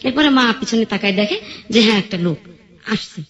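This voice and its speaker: A woman tells her life story on the radio, quick and lively. She acts out the voices of the people she describes. The recording sounds dull and lo-fi. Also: mid-range voice.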